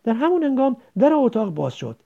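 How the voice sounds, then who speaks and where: A narrator reading a novel aloud with expressive storytelling, in a dull lo-fi recording. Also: medium pitch, vocal fry.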